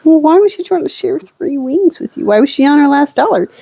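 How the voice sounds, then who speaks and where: A woman's voice: high voice, expressive, fairly quick, creaky, mellow, dry recording. A woman co-hosting a podcast with casual banter and dry, teasing interjections. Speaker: podcast co-host.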